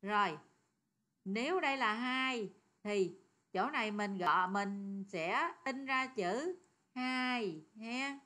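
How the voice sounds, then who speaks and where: A woman explains code step by step, with a bright, clear tone pitched a little high. She talks in a chatty way and keeps turning to her students with questions. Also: expressive, takes it slowly. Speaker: programming teacher. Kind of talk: screen-recorded coding lesson.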